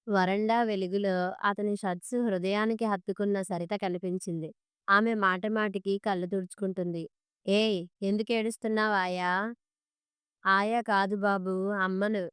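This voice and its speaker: A woman storyteller reading a story in a steady, measured way. Her voice is exceptionally clear and stays fairly flat in pitch. The recording is dry and close, with no room sound. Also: dry recording. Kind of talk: scripted story narration.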